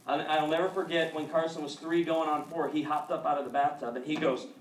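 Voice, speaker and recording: A middle-aged male pastor preaching a sermon, telling personal stories with animated, acted-out quotes. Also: on the high side, fairly quick. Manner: animated storytelling, acts out quotes. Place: church sanctuary. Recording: echoey hall, mic at a distance, audience noise.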